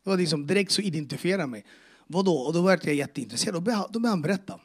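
In a high, husky voice full of lively intonation, a man shares his personal faith testimony with a church audience, speaking casually but with earnest emotion, using street slang and acting out dialogue.

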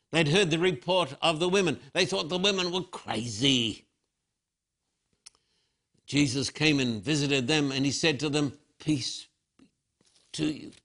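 Animated older preacher, fairly high voice. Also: male voice. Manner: animated storytelling, acting out quotes. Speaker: pastor. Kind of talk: sermon.

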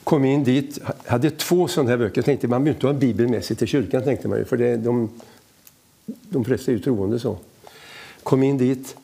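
A middle-aged man tells anecdotes in a relaxed conversation, slipping into the voices of the people he quotes. His voice is gravelly and husky, with a mellow, dark tone. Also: mid-range voice. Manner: lively storyteller who acts out quoted dialogue. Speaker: evangelist guest.

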